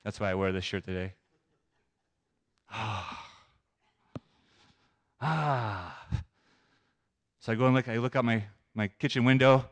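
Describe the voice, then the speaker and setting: A man's voice: fairly low pitch, moderate pace, long pauses, smooth. Earnest man telling a faith story. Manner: earnest, self-deprecating, conversational. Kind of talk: personal testimony storytelling.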